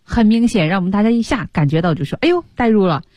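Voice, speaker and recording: A woman's voice: mid-range voice, animated, quick pace, mellow, no echo, highs cut off. A woman hosting a radio lesson, encouraging listeners and repeating key words for emphasis. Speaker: radio program host.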